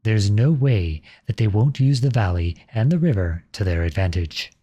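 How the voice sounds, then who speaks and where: In a roleplay audio drama, a man voices an outlawed young prince who serves as a lowly soldier. His delivery is formal, measured, courteous and earnest, expressive and mellow, with a serious, strategic mood.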